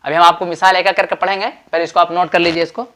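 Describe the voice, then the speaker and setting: A man with an Urdu accent teaches Quran recitation rules in a bright, forceful voice. He explains patiently and repeats himself, stretching out sample words slowly and firing quiz questions at his students. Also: high voice, level tone. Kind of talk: tajweed lesson at a board.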